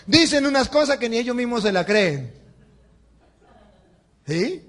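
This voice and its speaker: A man's voice: very high-pitched, takes it slowly. A male priest preaching a sermon, telling a humorous story with laughter and imitating the people in it. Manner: animated, laughing, mimics others in anecdotes.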